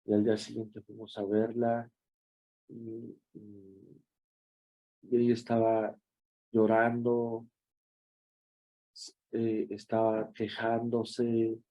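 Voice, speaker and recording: Slow, gravelly Mexican pastor. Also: male voice, fairly low pitch, completely flat delivery, muffled recording. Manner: conversational, storytelling preaching. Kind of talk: devotional sermon.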